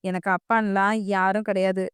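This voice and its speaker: A woman voicing a sarcastic, rebellious young man who talks in a low, mocking way. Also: flat delivery, moderate pace, clear, resonant tone, no echo, studio quality, close to an everyday voice. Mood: bitter.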